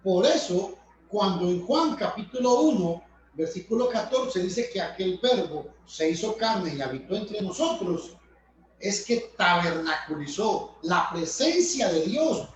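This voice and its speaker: A man's voice: sits high, big pitch swings, measured pace. A man preaching a sermon, emphatic, addressing his listeners as brothers and friends. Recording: very echoey room, voice from far off.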